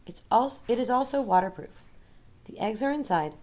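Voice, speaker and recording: A woman voicing a wise female spider who is weak and fading, speaking softly and slowly in an audiobook. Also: a little high, expressive, pitched above the performer's own voice, close to an everyday voice. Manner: soft, slow and tired. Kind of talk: audiobook character voice.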